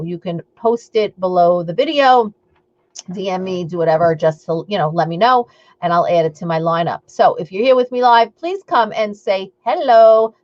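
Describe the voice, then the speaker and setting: The recording is lo-fi as a woman from Long Island, New York, with a matching accent, hosts an eating-coach live stream. She has a mid-range, darkish voice and rambles cheerfully, peppering her talk with fillers and side comments to viewers.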